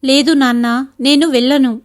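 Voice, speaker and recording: A woman's voice: high-pitched, fairly even intonation, moderate pace, natural voice. A woman reading as a stubborn young husband. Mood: stern.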